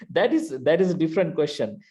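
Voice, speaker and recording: Over a video-call computer mic, a university lecturer from Bangladesh teaches online in his Bangladeshi accent. His slightly high voice is sing-song and warm at normal speed, though the audio sounds dull, and he stumbles through fillers and restarts.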